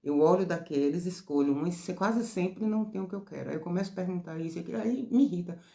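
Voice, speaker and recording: A Brazilian therapist walks her viewers through a lesson in casual, loose teaching talk, speaking fast and expressively, her voice rising high and loud when she gets excited. It's a mellow, gravelly voice, and the room around her has a noticeable, roomy echo.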